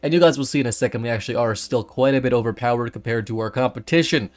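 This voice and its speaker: A man's voice: mid-range voice, racing. A man hosting a car build walkthrough, then chatting and laughing with friends while racing in a driving game. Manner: upbeat, laughs often, excitable when startled. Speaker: host.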